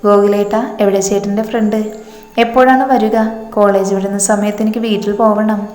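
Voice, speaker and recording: A woman's voice: mid-range voice, little pitch movement, fairly quick, a little mellow, lightly acted. Woman reading as a naive young college girl. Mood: trusting. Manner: trusting, pleading. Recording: echoey room with long reverb, faint music.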